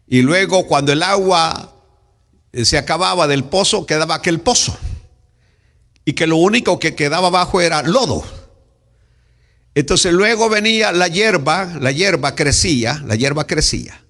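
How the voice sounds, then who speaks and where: A pastor with a Salvadoran accent preaching in church, dramatic, acting out scenes and shouting cries. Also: male voice, high-pitched, moderate pace, pauses often. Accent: Salvadoran Spanish. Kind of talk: sermon. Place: church sanctuary.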